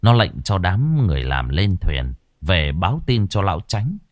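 A man narrating an audiobook story in an expressive, dramatic way. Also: low voice, moderate pace, no echo, clean studio sound.

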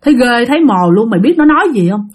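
A woman voicing a bold middle-aged man who summons a spirit, shouting demands and threats. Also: on the high side, very animated, fast talker. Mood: indignant.

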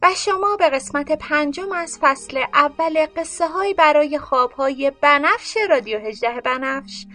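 A woman hosting a radio program, reading a bedtime story aloud in an expressive manner. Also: high voice, hardly any pauses. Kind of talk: scripted bedtime story narration.

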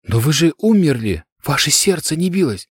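A man voicing a frightened young servant girl who cries out in a high, pleading voice. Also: big pitch swings, normal speed, husky, dry recording, clean studio sound. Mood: bewildered.

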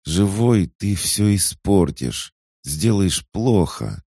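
A man with a deep, gravelly voice voicing a frightened, broken young woman, an addict who pleads through tears. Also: animated, dark tone, dry recording, clean studio sound, full character voice. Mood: terrified pleading. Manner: tearful, halting pleas.

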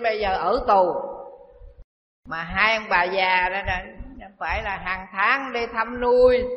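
Male monk, high voice, slow repetitive sermon delivery; echoey hall recording. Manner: slow storytelling with repeated phrases. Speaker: Buddhist monk teacher. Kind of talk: dharma talk sermon. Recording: dull echoey hall recording with faint hiss.

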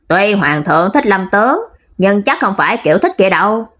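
Breathy lady reading a story aloud, steady n even. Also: mid-range voice, moderate pace. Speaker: audiobook narrator. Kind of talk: storybook narration.

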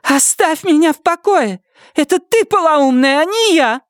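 A woman acting out a terrified, timid woman in an audiobook, her voice climbing into a thin, trembling squeal. The voice is pitched far above the reader's own and swings wildly. The recording is close and dry. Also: expressive, measured pace, no room sound. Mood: frightened.

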